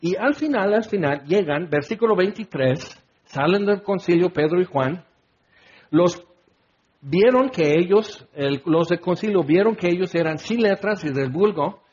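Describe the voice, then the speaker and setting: Animated high-voiced male preacher. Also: measured pace, highs cut off. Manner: animated, acts out quoted voices, shouts exclamations. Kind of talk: sermon.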